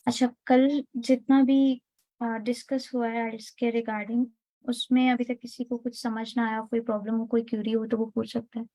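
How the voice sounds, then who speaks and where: A woman's voice: a little high, flat delivery, moderate pace, warm tone, dry recording, low-quality recording. A woman with a Pakistani accent teaching an online class, explaining step by step and often checking that students follow.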